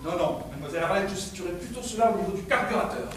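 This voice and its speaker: A man's voice: high-pitched, expressive, rapid-fire. A man playing a fussy, obliging chauffeur with formal, earnest manners, in theatrical stage comedy style. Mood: deferential. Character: fussy, obliging male chauffeur obsessed with his car, muddled actor. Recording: distant, very echoey, slightly noisy stage recording.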